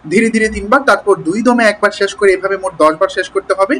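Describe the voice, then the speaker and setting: A man's voice: high-pitched, quick pace, fairly bright tone, slight background noise, low-quality recording. A man teaching standard pronunciation, reading word lists aloud and often checking that listeners follow. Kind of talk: spoken pronunciation lesson.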